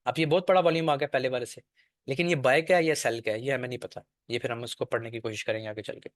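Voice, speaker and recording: A man's voice: medium pitch, steady tone, quick pace, no room sound, clean studio sound. A man teaching a trading class over a screen share, explaining step by step and often checking that the listener follows.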